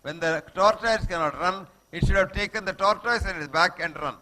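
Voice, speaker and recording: His voice is high, pushed and bright, and he talks a little fast. A guest speaker with a Telugu Indian accent, he motivates schoolchildren emphatically, repeating brief maxims and checking that they keep up.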